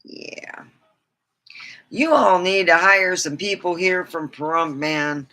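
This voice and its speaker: Bright, slow-talking casual livestream host. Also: mid-range voice. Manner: slow, loose, drifting between thoughts. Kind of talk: casual rambling chat.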